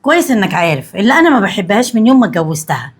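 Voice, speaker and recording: A woman's voice: mid-range voice, very animated, rapid-fire, breathy edge. An actress playing a scornful, domineering mother-in-law, speaking with an Egyptian Arabic accent. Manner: scornful, cutting, insulting. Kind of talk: short web drama acting.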